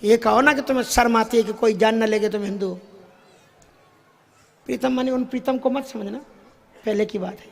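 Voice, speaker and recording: There is some chatter in the background as a man with a very high-pitched, creaky voice preaches at a moderate pace with a steady tone and long pauses. His devotional sermon explains spiritual ideas through daily-life anecdotes, with chuckles and occasional English phrases.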